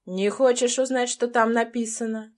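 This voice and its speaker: A woman's voice: a little high, steady tone, moderate pace, darkish tone, close to an everyday voice. A woman voicing a cold, domineering billionaire man in an audiobook, with curt, controlling and menacing lines. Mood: pressing.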